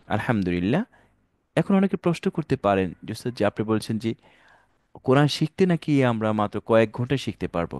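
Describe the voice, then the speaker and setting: Addressing his viewers as dear brothers and sisters, a man leads an online Quran reading class, sprinkling English into his speech and naming letters for repetition. The fairly low voice is a little mellow, and the recording is dry and clean, studio-style.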